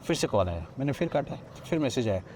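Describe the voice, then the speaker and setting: A man from Odisha recounts his own ghost story as a podcast guest, acting out the other people's lines as he goes. His voice is mellow and mid-pitched. A faint outdoor hum sits behind him. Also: sing-song, fairly quick. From Odisha, India. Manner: narrates with many quoted lines of dialogue, frequent restarts. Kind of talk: retelling a personal ghost story. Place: outdoors at a riverside ghat.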